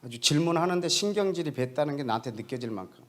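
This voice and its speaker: A male missionary preacher tells a story during a sermon in a slightly high, expressive voice at a quick pace. He puts questions directly to the congregation and often drops into a soft, hushed tone.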